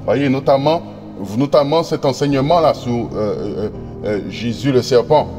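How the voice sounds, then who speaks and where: A man preaching a sermon, reading scripture slowly and often stumbling over repeated words and fillers as he addresses his brothers and sisters. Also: mid-range voice, big-room sound, over music. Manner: reads verses slowly and deliberately.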